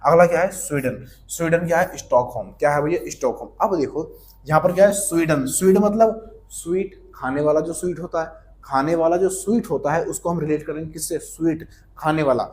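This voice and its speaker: A man runs an online exam-prep lesson, his voice sitting a bit high for a man. He keeps up a playful back-and-forth with himself, firing off questions and answering them in the same breath. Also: brisk, a little mellow, slight background noise. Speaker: exam coaching teacher. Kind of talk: online lesson with memory tricks.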